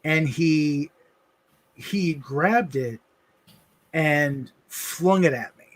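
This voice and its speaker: A man co-hosting a livestream, telling a personal story in an earnest, halting way with many restarts. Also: on the high side. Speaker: livestream co-host.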